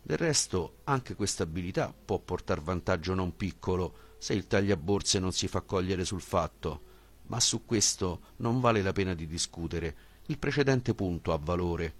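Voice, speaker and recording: A brash ancient Greek sophist, blunt and dismissive in every reply, as a male audiobook reader gives him voice. His voice sits very low and deep, and he brushes aside his opponent's questions with defiant certainty. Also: lively intonation, moderate pace.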